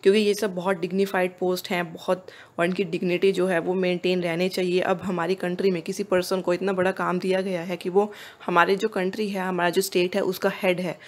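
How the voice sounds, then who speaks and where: Woman teacher, explanatory lecture delivery, even and level pitch. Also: a little fast. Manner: explanatory, mixes English and Hindi. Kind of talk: online lecture.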